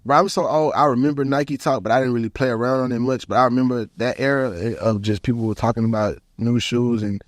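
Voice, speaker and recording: A man's voice: mid-range voice, fast talker, hardly any pauses, no room sound. A man holds the mic in a casual podcast chat, spinning long slangy stories and calling everyone "bro". His voice sits in a medium register. The sound is dry and close. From Houston, Texas. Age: 30s. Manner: animated storytelling, slangy, repeats "bro". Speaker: podcast host.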